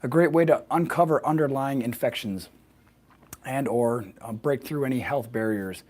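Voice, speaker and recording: A man with a slightly hoarse, froggy voice explaining wellness informally as a presenter on a live video, often adding small check-in questions. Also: medium pitch, normal speed, darkish tone. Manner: fluent, explanatory, often checks with "right?" and "okay?". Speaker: health practitioner hosting a weekly wellness video.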